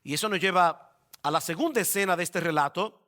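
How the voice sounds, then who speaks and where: A male pastor preaching a sermon, speaking emphatically straight to his congregation and slowing down to stress key words. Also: high voice, pushed and bright. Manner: emphatic, addresses the congregation directly.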